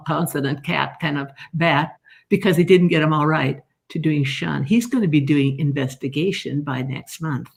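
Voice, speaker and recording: An older woman, a learning specialist, talking in a live interview and acting out lessons as she explains. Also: on the low side. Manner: animated storytelling, acts out teacher and child sounding out words. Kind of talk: live expo video interview.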